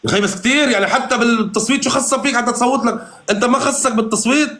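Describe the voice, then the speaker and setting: A man giving animated live-stream commentary on a reality show. He is emphatic and often repeats his phrases. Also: very high-pitched, racing, reverberant.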